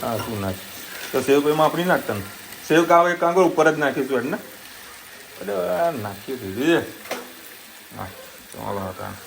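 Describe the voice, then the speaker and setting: A man's voice: mid-range voice, lively intonation, normal speed, creaky, pauses often. A man chatting casually in a family vlog from his home kitchen, in a reassuring way. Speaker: vlogger. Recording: echoey room, noisy background.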